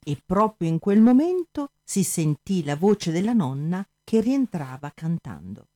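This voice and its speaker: A woman narrating a comic radio play in a clear storytelling manner. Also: on the low side, very animated, measured pace, mellow.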